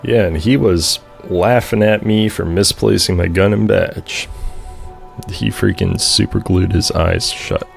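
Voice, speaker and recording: A man making slow, laid-back, wry comments while playing a game. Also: deep voice, steady tone, creaky, faint music behind. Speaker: gamer commenting on play.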